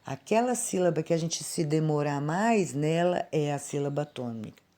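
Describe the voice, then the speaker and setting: A woman teacher with a Brazilian Portuguese accent explaining grammar to children in a slow, patient way, recorded on a phone at home. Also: sits low, expressive, warm tone. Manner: slow, patient and explanatory, calling out words aloud. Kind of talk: remote grammar lesson for children.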